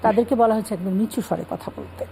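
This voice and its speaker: Woman guest scholar, calm explanatory delivery, relaxed tone, light background hiss. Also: medium pitch, quick pace, creaky, low-quality recording. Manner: calm explanatory, cites scripture. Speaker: religious guest speaker. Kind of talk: Islamic talk show explanation.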